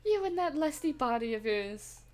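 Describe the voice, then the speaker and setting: A woman's voice: sits high, animated, normal speed, voice pushed up. Woman doing a spiteful gloomy schoolgirl. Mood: sneering. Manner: bitter, sneering, insulting. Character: spiteful gloomy teenage girl, jealous and obsessive. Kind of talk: reading game dialogue aloud.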